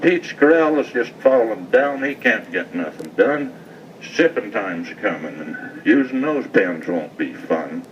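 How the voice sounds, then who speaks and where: A man's voice: fairly low pitch, sing-song, unhurried. A middle-aged man with a rural American West accent and a folksy cowboy drawl, reciting cowboy poetry live. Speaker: cowboy poet, rancher. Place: festival stage, live event. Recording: distant mic, muffled, noisy event sound.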